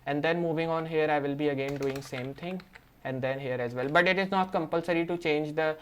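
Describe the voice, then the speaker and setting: A man's voice: on the high side, a little fast, a bit bright, slight background noise. Brief: male tutor, screen-recorded coding walkthrough, explains each step as he goes, heavy on verbal fillers. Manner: walks through steps while working; leans on fillers like "you can say". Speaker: programming tutor.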